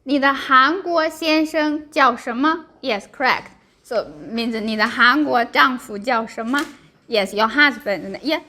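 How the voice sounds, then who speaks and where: A woman's voice: high voice, expressive, a little slow, bright, forceful tone. A woman teaching a language class with a Chinese accent, speaking in short simple phrases, repeating and checking understanding. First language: Mandarin Chinese. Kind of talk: language lesson, drilling and explaining.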